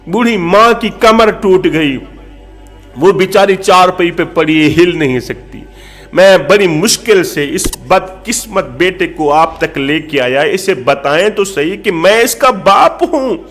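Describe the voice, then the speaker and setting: A man's voice: high voice, lively intonation, a bit bright, soft background music. A man voicing a grieving old father's plea. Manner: tearful, pleading. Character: grieving elderly father pleading for justice.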